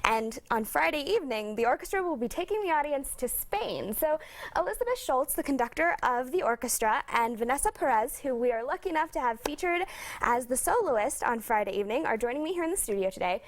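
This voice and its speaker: High, fast-talking female TV reporter. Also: lively intonation. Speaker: TV reporter, interviewer. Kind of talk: studio interview. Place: TV studio.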